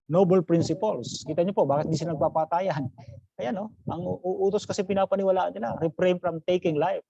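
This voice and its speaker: Male pastor, lecturing a class, higher-pitched and mellow, dry lo-fi video-call audio. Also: no room sound. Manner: mixes English phrases into Tagalog, poses questions to the class; calls listeners brothers and sisters.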